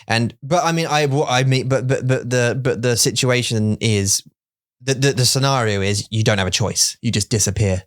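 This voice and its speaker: A man's voice: mid-range voice, moderate pace. A middle-aged man co-hosting a podcast, rambling in casual chat and acting out little scenes with put-on voices. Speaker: podcast co-host.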